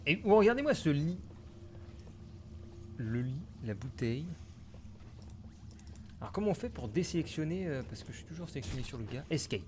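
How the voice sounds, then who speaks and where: A man's voice: on the high side, big pitch swings, moderate pace, long pauses, dark tone, a little hiss or hum. A man giving casual let's-play commentary, muttering to himself and grumbling in puzzlement as he plays. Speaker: gamer streamer.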